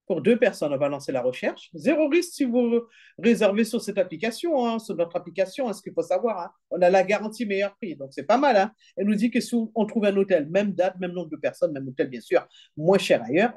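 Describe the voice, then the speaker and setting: A woman's voice: lowish voice, mellow, breathy edge. A woman chatting her way through an app demonstration, reading prices aloud and tagging sentences with little fillers. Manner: chatty, peppered with "hein" and "d'accord"; reads prices and numbers aloud slowly. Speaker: travel deals presenter.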